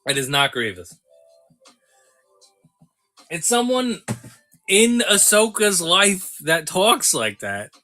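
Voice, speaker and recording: A man's voice: high voice, big pitch swings, takes it slowly, long pauses, sharp tone, faint music behind. A man hosting a live toy sale stream, chatting casually with viewers, joking and laughing often.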